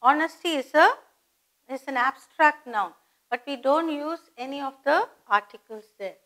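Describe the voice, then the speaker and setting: A woman teaching a grammar lesson, slow and deliberate, spelling words out and asking rhetorical questions. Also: high-pitched, animated, a bit bright, poor audio. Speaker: English teacher. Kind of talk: grammar lesson for exam students.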